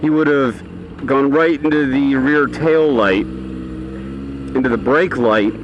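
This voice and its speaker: A man's voice: mid-range voice, lively intonation, takes it slowly, lo-fi sound. A man vlogging casually as he rides a motorcycle, talking from inside his helmet in a rambling, offhand way. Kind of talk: casual rambling vlog talk. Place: outdoors on a motorcycle in traffic. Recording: engine and road noise, inside a helmet.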